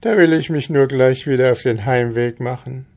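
A man's voice: mid-range voice, moderate pace, a little mellow, pitched above the performer's own voice, natural voice. A man voicing an honest but shrewd young peasant lad, talking plainly while playing the simpleton, in an audiobook. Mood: feigned naive. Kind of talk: audiobook character voice.

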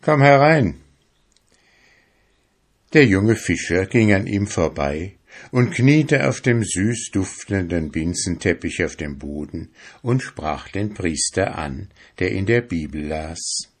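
A man narrating a fairy tale in a calm, measured reading style. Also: deep voice, husky.

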